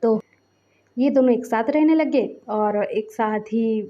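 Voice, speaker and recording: A woman's voice: a little high, takes it slowly, highs cut off. A woman casually retelling a fan fiction story in a chatty, conversational way.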